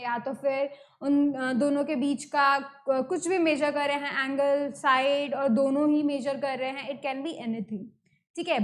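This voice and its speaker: An Indian woman teaching an online math lesson, explaining step by step and repeating key terms, mixing English words into her talk. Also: sits high. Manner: mixes English terms into Hindi.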